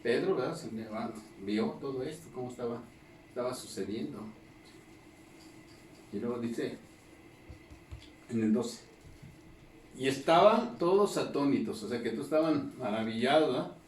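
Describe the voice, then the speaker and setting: A man preaches a Bible study in a roomy church hall, with his voice sitting at an ordinary middle pitch. He talks in a conversational way, constantly checking in with his listeners. He sounds set back from the microphone, and a faint ambience hums underneath. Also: animated, moderate pace, long pauses, darkish tone, a little hiss or hum. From Mexico. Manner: conversational teaching, constant tag questions to the congregation. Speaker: pastor. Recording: echoey room, distant mic, faint ambience.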